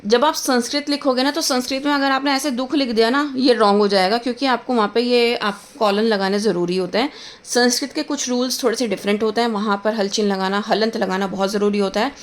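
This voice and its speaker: A woman teaching a grammar lesson, patiently spelling out words, repeating them slowly, checking in often and mixing in English words. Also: a little high, fairly even intonation. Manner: mixes English words into Hindi. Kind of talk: explaining Hindi grammar lesson.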